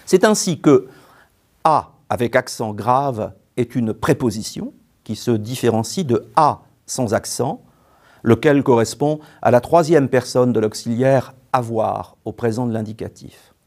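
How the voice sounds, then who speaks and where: Slow, mellow-voiced man teaching grammar. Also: mid-range voice. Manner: slow, careful, spells out syllables. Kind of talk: scripted lesson narration.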